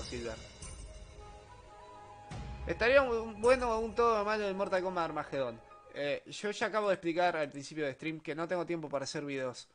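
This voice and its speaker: Young Argentine man streaming games. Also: on the high side. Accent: Argentine Spanish. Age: young adult. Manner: slangy, joking, reads chat aloud. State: low-energy, subdued. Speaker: gaming streamer. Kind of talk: casual live stream commentary while gaming.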